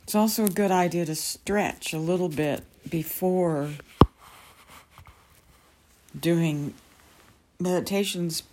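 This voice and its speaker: Female meditation guide, low register, very slow pacing, gentle and calming, lots of pauses. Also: slight background noise. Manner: unhurried, pausing between short phrases.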